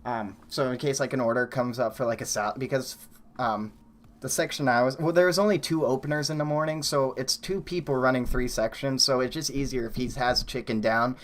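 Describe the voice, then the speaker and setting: A man's voice: medium pitch, steady tone, fairly quick. Rambling young man telling a work story. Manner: rambling storyteller, many likes and restarts. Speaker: streamer. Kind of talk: casual chat while building a coaster in a game.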